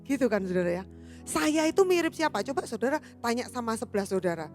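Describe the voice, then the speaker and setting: A woman's voice: a little high, fast, soft background music. A woman pastor preaching a sermon in church, telling stories and addressing the congregation directly. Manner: animated storytelling, addressing congregation as "saudara".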